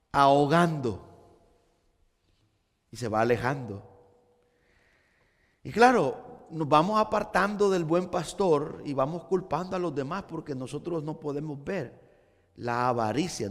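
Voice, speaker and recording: High-voiced man preaching a fervent sermon. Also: a bit bright, big-room sound. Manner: fervent preaching, repeats words for emphasis. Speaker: pastor.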